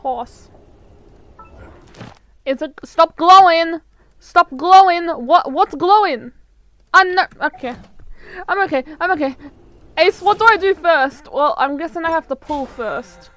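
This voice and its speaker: Young woman streamer, very high bright voice, excitable and panicky, mutters then shrieks, desk mic at home. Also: a little slow. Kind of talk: live gaming stream commentary.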